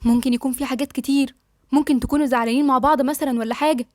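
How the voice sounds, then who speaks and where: A woman's voice: high-pitched, steady tone, very fast, darkish tone, no echo, clean studio sound, lightly acted. A woman with an Egyptian accent voicing a worried middle-aged mother who probes her son with suspicious questions. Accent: Egyptian Arabic.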